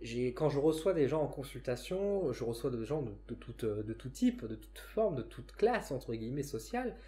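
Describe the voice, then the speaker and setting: A man with a northern French accent talks casually to camera about spirituality. He sits at a middle pitch and thinks aloud, pausing and restarting his sentences as he goes. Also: sing-song, warm tone. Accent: northern French (Ch'ti). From northern France. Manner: reflective, frequent hesitations and self-restarts. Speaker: psychic and spiritual vlogger.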